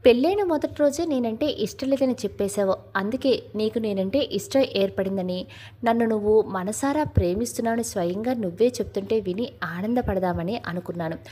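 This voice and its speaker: A woman voicing an anxious, gentle young wife in a Telugu audio story, speaking in a hesitant, pleading way. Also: mid-range voice, fairly quick, husky, close to an everyday voice.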